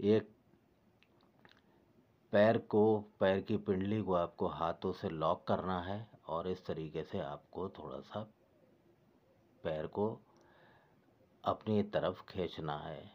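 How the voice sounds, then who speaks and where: A man calmly explaining knee exercises step by step, as a fitness instructor. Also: low voice, slow pace, pauses often, highs cut off. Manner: patient, repetitive step-by-step guidance.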